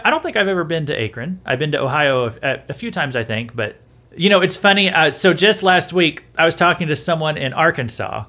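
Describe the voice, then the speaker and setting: A podcast host from the southern United States talks through the news with casual, opinionated commentary in a voice that is a little high, pushed, and bright. His delivery is conversational, and he repeats himself and restarts his sentences often.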